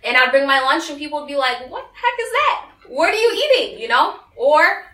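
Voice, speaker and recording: In an echoey room, heard from some distance, a young American woman gives a talk, telling a personal story to a small group and acting out the voices of people she quotes. Her voice sits high, sharp in tone and expressive, and she speaks a little fast.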